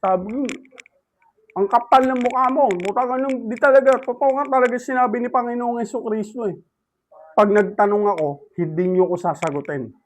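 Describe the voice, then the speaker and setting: A man's voice: sits high, poor audio. A man vlogging an indignant, repetitive rant as he recounts an argument about religion. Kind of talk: ranting religious vlog monologue.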